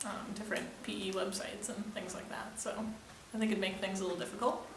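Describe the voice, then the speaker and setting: A woman's voice: medium pitch, little pitch movement, a little fast, far from the mic. Casual young woman PE teacher. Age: 20s. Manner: casual, rambling with fillers. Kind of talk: interview answers. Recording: echoey room, faint noise.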